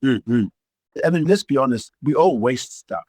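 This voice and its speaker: A man's voice: medium pitch, animated, normal speed, darkish tone, no echo. A middle-aged man from Uganda with a Ugandan accent, a playful, expansive guest in an interview who laughs often. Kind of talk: podcast interview.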